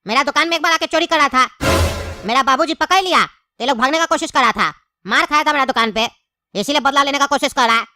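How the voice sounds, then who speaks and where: A woman's voice: high voice, fast, sharp tone, no echo. A woman voicing a young male accused in a comedy skit, pleading his innocence with evasive excuses.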